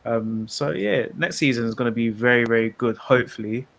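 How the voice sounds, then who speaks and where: A man's voice: medium pitch, a little fast, vocal fry, a bit bright, dry recording. A man, co-hosting a casual football podcast over a remote call, slangy and loose in how he talks. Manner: laid-back, slangy, talks in loose run-on sentences. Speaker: podcast co-host.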